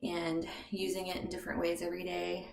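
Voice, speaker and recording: A young pregnant woman vlogging casually from her bathroom, chatty with lots of ums and now and then slipping into soft whispers, a little out of breath. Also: lowish voice, monotone, fairly quick, creaky. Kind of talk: casual beauty vlog chat. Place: bathroom at home, indoors.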